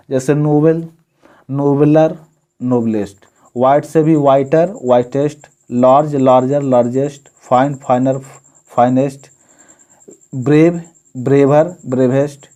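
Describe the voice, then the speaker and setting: A man's voice: a little high, warm tone. A man from India, teaching an English grammar lesson and reading word lists out one at a time. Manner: explains slowly, reads word lists out one by one. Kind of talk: classroom-style grammar lesson.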